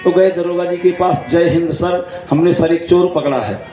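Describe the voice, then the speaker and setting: A man giving a devotional sermon, acting out dialogue in jokey anecdotes and slowly chanting verses, recorded through a PA at a large outdoor gathering. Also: sits high, fairly even intonation, dull audio. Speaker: Bhagwat katha storyteller. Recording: echoey PA sound with faint instrument music.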